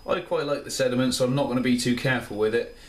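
Racing along in a mid-range voice, the tired thirtysomething beer reviewer rambles casually and enthusiastically in his small home kitchen. He's far from the camera mic, which sits a few steps away and yields roomy, off-mic sound.

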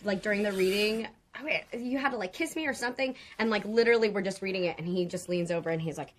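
A woman's voice: mid-range voice, fast. A young woman chatting in an interview, giggling often and telling stories in a bubbly, rambling way. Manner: giggly, bubbly storytelling with many likes. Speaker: stage actor guest. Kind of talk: casual chat interview.

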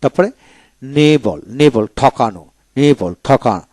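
Male pronunciation teacher, mid-pitched, spells words and repeats them deliberately; dry close recording. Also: animated, darkish tone, no room sound. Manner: spells words letter by letter, then repeats each slowly twice. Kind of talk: slow spelled-out pronunciation drill.

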